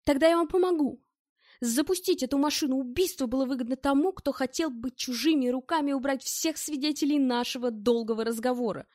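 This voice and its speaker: A woman's voice: sits high, darkish tone, no room sound, clean studio sound, voice pushed up, close to an everyday voice. Woman playing a coldly accusing male interrogator. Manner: measured, pressing, insinuating.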